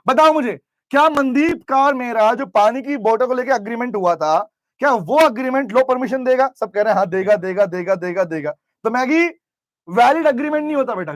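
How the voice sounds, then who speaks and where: Male lecturer with a very high voice and a dry sound, runs a lively class full of questions. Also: no echo. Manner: lively, questioning students, mixes English terms into speech. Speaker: commerce teacher. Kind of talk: classroom lecture with role-play. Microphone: camera recording in class.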